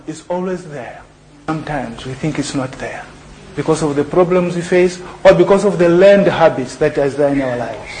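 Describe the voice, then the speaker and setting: A middle-aged preacher from Zambia delivers a sermon in a high, lifted voice. He keeps tossing questions to the congregation and lets them supply the answer. The archived church recording carries a faint hiss underneath. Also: darkish tone, low-quality recording. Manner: call-and-response questions to the congregation. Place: church hall.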